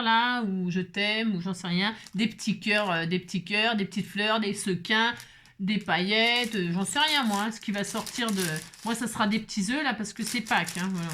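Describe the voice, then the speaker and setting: A craft channel host leads a casual crafting tutorial, chatty and self-mocking, joking and laughing often while repeating words and addressing viewers directly. Her mid-range voice has a sharp tone, with a little hiss or hum in the recording.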